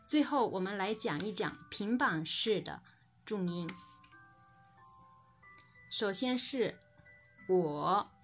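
A woman teaches a recorded language lesson at an ordinary middle pitch. She explains patiently and says each example word slowly and clearly. Soft music plays faintly behind her. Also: lively intonation.

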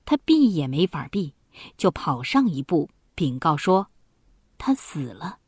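A woman narrates a historical tale for children at an unhurried pace. Her voice is a little husky and mid-pitched. She reads expressively, close to a dry mic. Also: no room sound. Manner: slow, expressive reading. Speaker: storyteller.

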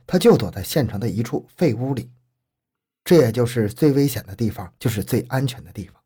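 Guy narrating a true crime story, husky voice, slow and grave. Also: medium pitch, mellow.

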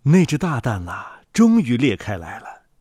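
A man reads a fairy tale in an animated voice of middle pitch that rises and falls freely. His expressive telling is recorded close and dry. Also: normal speed, husky, no room sound. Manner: lively, expressive narration. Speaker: storyteller.

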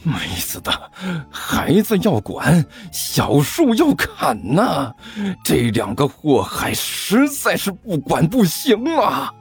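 A man's voice: mid-range voice, wildly swooping pitch, moderate pace, darkish tone, breathy edge, full character voice. Man voicing a brash young hothead, stammering retorts, faint music behind. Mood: furious. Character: short-tempered, cocky young man who stammers when scared.

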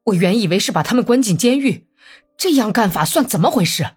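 A woman's voice: mid-range voice, animated, a little mellow, breathy edge, pitched above the performer's own voice. A woman voicing an agitated village man who protests in alarm. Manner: fast, raised, upset.

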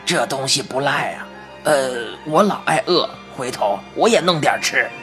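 A woman's voice: very deep voice, expressive, unhurried, fairly bright tone, faint music behind, pitched below the performer's own voice, full character voice. A woman voicing a playful, mischievous little old man with magic powers in a Beijing-tinged storybook reading, drawling and folksy with hesitant "uh"s. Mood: greedy. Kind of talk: storybook narration.

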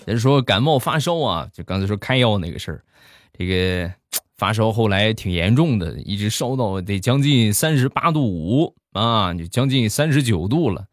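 A man's voice: lowish voice, expressive, normal speed, no room sound, clean studio sound. Chatty man telling comic anecdotes. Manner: chatty punchline delivery. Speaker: comedy storyteller.

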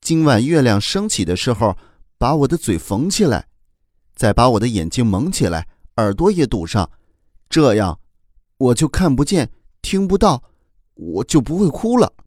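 A man's voice: medium pitch, big pitch swings, moderate pace, a little mellow, dry recording, studio quality. A man voicing a tearful young male bat spirit in a children's audio story, pleading and apologetic.

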